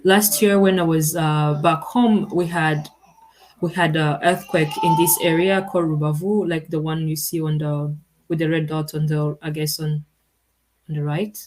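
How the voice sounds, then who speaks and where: A woman's voice: deep voice, steady tone, normal speed, background noise. A young woman from Rwanda giving a research presentation as a PhD candidate, hesitant with many fillers.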